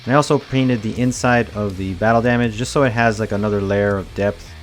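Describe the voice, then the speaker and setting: A man in his thirties, a cosplay prop maker, talks through his build steps in a relaxed, plain way in a casual tutorial voice-over. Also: lowish voice, a little fast, soft background music. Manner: relaxed, plain step-by-step explaining. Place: home workshop, indoors.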